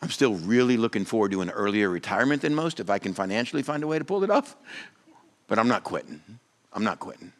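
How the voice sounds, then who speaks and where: A male pastor telling a comic story in a sermon, animated and rising in pitch as he gets excited. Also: fast talker. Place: church or conference hall.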